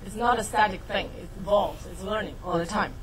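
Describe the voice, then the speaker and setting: A middle-aged Chinese woman from Shanghai, a native Mandarin speaker, gives a technical talk to an audience, explaining things briskly and repeatedly asking "right?" to get them to confirm. Her voice is medium-pitched, and the low-quality recording carries a bit of hiss or hum.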